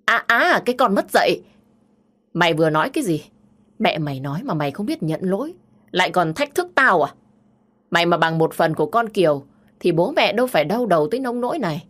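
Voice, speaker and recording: A woman voicing an angry middle-aged mother who berates her daughter in a shrill, raised voice. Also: sing-song, brisk, fairly bright tone. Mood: furious scolding.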